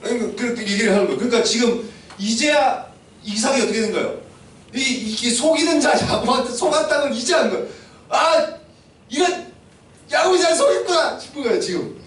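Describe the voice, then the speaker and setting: A man's voice: very high voice, fast. A man preaching a youth sermon, telling a story and asking his listeners questions. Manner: animated, asks listeners questions, acts out scenes. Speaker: pastor. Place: church hall. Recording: echoey room, mic at a distance.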